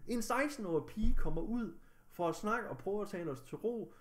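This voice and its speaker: Young male vlogger, slightly high-pitched, agitated, swears heavily. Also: animated. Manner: agitated, angry, heavy swearing. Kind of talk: recounting a personal story to camera.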